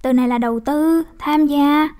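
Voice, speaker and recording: A woman's voice: sits high, normal speed, darkish tone. A young woman teacher with a Vietnamese accent working through English exam questions, explaining step by step with frequent tag questions. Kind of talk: exam walkthrough lesson.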